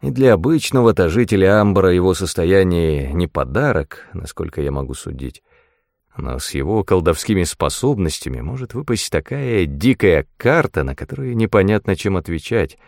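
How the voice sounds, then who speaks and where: A man narrates a fantasy audiobook in first person, his low voice carrying a gravelly rasp. His reading is measured but expressive, and his pitch moves a lot across each sentence. The sound is close and dry. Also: dry recording.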